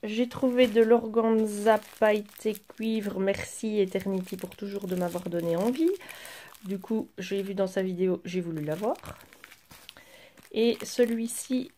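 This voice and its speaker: Give me a chatty woman with a mellow voice going through a craft haul over faint noise. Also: mid-range voice, steady tone, measured pace. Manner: chatty, hesitant fillers while handling items. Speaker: craft vlogger. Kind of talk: casual haul show-and-tell.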